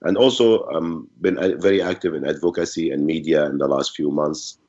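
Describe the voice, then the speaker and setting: A middle-aged man from Syria, a physician, introducing himself on an online panel in a measured way with many fillers. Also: a bass voice, darkish tone. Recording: muffled online call audio.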